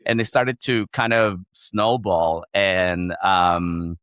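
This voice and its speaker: A man with a Chilean Spanish accent and a fairly low voice, speaking English as his second language as a podcast guest. He thinks aloud, circling back with frequent restarts in a reflective, conversational way. The sound is dry and close. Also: slow, fairly bright tone, no room sound. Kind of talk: conversational interview.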